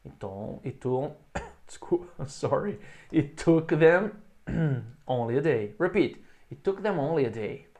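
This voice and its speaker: Man teaching English, slow repeated phrases. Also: a little high, expressive, warm tone. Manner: explains in Portuguese, models English phrases slowly for repetition. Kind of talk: recorded online English lesson.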